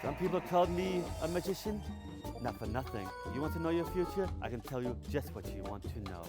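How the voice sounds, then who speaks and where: An actor playing a grandiose showman fortune teller in a dramatic comic ad pitch. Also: expressive, fairly quick, loud music behind the voice, lightly acted.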